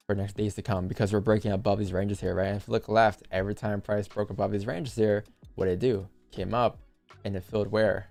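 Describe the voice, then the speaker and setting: With a lowish, creaky voice and darkish tone, a young livestream host goes over trading charts, joking around and talking casually straight to his chat.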